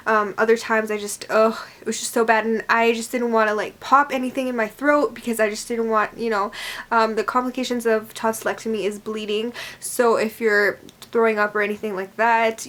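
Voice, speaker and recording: A woman's voice: a little high, a bit bright. A young woman tells a personal story in a casual, rambling vlog style, often trailing off as she goes. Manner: rambling, conversational, trailing off with "or whatever". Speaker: vlogger.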